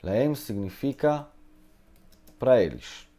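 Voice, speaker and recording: A man's voice: mid-range voice, sing-song, takes it slowly, warm tone. A man whose first language is Hebrew, teaching a live online Hebrew lesson from home and answering viewers' questions, hesitating often and adding tag questions.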